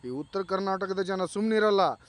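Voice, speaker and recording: A man's voice: sits high, moderate pace. A man giving reality show commentary, lecturing and scolding a contestant directly.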